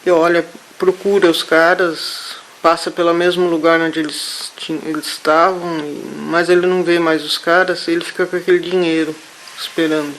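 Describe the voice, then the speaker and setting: A man haltingly recounting a vision during a therapy session, with many restarts. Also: on the high side, level tone, a bit bright, slight background noise, rough recording. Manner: halting, hesitant, full of restarts. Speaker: therapy client.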